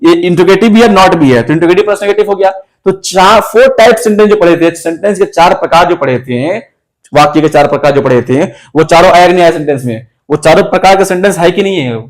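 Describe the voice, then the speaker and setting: A man teaching an English class, who explains things slowly and drills sentences word by word. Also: high voice. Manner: explains slowly, addressing students as children. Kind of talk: classroom lesson.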